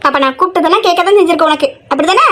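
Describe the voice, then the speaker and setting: A woman's voice: very high voice, racing, a bit bright. A woman playing a nagging middle-aged mother in a family comedy skit, scolding and complaining nonstop.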